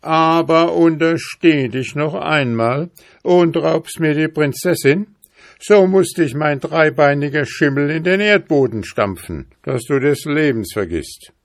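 A man's voice: fairly high pitch, lively intonation, unhurried, no echo, studio quality, pitched above the performer's own voice. A man doing an angry old hunter. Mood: threatening. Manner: angry, threatening.

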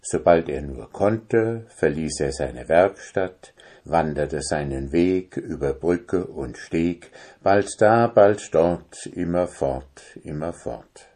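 A man reading a fairy tale aloud as narrator, in a calm, measured storytelling manner. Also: very deep voice.

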